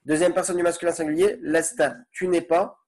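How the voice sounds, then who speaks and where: A man's voice: fairly high pitch, level tone, brisk, darkish tone. A man teaching an online Arabic grammar lesson in French, explaining patiently and checking in with his students often.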